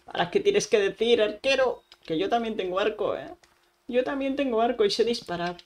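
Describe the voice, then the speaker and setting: A woman's voice: mid-range voice, a little fast, a little mellow. A woman with an accent from Spain giving casual, chatty let's-play commentary, talking straight to her viewers and using lots of playful diminutives. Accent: Spain Spanish. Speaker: gaming channel host.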